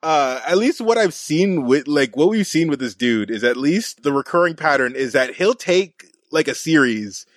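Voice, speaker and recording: A man's voice: a little high, lively intonation, moderate pace, few pauses, no echo, clean studio sound. A man from Canada co-hosting a podcast, explaining things in an informal, rambling way with colloquial asides. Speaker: podcast co-host. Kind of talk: casual chat.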